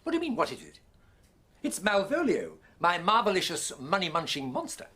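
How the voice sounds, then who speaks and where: A man's voice: high-pitched, huge pitch swings, brisk, bright, forceful tone, exaggerated voice. A man playing an eccentric, scatterbrained inventor in a children's TV show. He dithers and bursts out with "oh"s as he talks. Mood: delighted, puzzled. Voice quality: flustered and dithering, with constant breathy "oh"s. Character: scatterbrained, excitable male inventor who invents words. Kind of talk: children's TV comedy acting.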